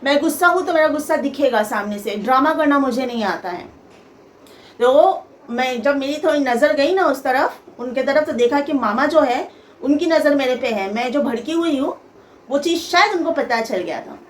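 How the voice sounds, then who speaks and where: A woman's voice: sits high, moderate pace. A woman vlogger telling a personal story in a casual, indignant way, quoting the people involved. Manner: animated and indignant, quoting others. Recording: faint outside noise behind.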